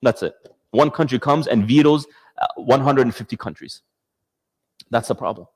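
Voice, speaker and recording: A man's voice: medium pitch, moderate pace, a little mellow, slightly rough. Passionate man lecturing in a reverberant hall. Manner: passionate, rhetorical questions. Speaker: speaker giving a talk. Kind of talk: lecture with audience Q&A.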